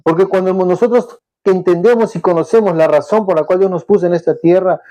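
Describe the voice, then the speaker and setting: A man delivers a passionate sermon in a high, mellow voice. He preaches to the congregation with fervor and often stumbles and restarts mid-phrase. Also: a little fast, low-quality recording. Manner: impassioned preaching with repeated restarts. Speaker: pastor.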